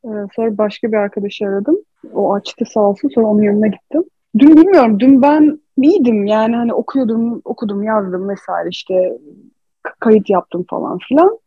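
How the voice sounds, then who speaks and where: A woman's voice: mid-range voice, normal speed, breathy edge, dry recording. A woman in casual confessional chat, telling a personal story candidly and emotionally, on a dull lo-fi recording.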